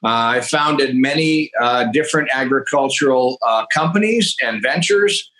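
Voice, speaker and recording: On a podcast, an agriculture entrepreneur in his fifties from northeastern Alberta explains things in a conversational way with a Canadian accent. His medium-pitched voice moves at a normal speed and sounds pushed and bright, and the recording is rough.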